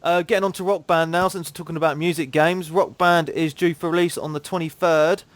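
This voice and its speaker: A man's voice: fairly high pitch, fairly even intonation, fairly quick, dry recording. A man from Cambridge with a southern English accent, hosting a gaming podcast in laid-back, slangy casual chat. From Cambridge, England.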